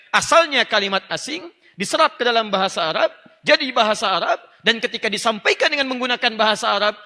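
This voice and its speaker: A man's voice: sits high, bright, forceful tone. A male Islamic preacher giving a religious lecture, teaching emphatically, addressing listeners directly and slipping into fluent Arabic phrases and recitation. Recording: long hall reverb.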